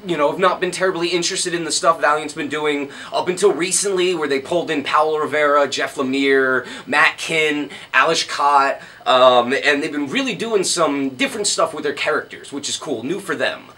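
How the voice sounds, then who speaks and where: A man talks up new comics in a loose, excited way, full of ums and little jokes. His voice sits a bit high and sounds bright and forward. A faint hiss of room noise runs underneath. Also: moderate pace, hardly any pauses. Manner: enthusiastic, filler-heavy, joking. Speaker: comic shop show co-host. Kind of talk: casual comic book recommendations.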